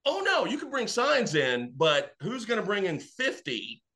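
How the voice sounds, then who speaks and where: Male guest, animated casual storyteller, bright tone, slightly high. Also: unhurried. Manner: animated, acts out quotes. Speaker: wrestling fan guest.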